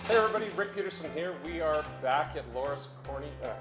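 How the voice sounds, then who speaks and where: A man's voice: a little high, quick pace, loud music behind the voice, low-quality recording. A man hosting a cooking segment in a kitchen, upbeat and enthusiastic, speaking straight to viewers. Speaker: host. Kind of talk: casual interview-style cooking segment.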